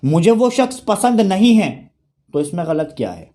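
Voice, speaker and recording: A man's voice: high voice, sing-song, normal speed, mellow. A man giving heated commentary on a reality show, firing rhetorical questions and repeating his points. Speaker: YouTube show reviewer. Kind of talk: ranting commentary.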